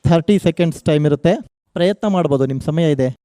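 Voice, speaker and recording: A man runs a college quiz show on the radio, his voice a touch high and mellow. He spells out questions slowly and cheers the teams on with energy. The sound is dry and close. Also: no echo. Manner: energetic, coaxing contestants, slow emphatic questions. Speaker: quizmaster.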